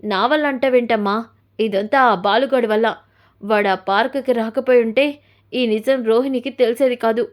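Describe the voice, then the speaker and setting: A woman's voice: on the high side, fairly even intonation, moderate pace, close to an everyday voice. Woman voicing a defensive young husband. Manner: defensive, blaming.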